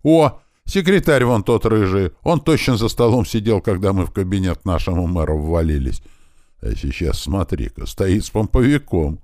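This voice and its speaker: A man narrating a first-person audiobook in a lively, conversational storytelling manner. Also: low-pitched, moderate pace, dry recording, studio quality.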